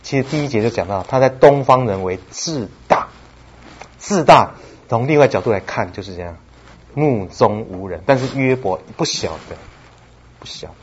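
Animated male preacher. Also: medium pitch, moderate pace. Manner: lively storytelling, acts out dialogue, laughs often. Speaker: pastor. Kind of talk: sermon. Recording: slightly dull with faint background noise.

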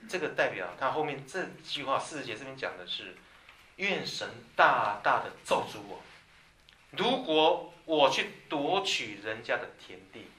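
A man delivers a sermon in a crisp, bright voice. He moves between soft, intimate asides and loud, emphatic lines. He sounds roomy and a little distant from the mic, with faint ambience behind him. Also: mid-range voice, big pitch swings, a little slow. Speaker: preacher. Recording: echoey room from a distance.

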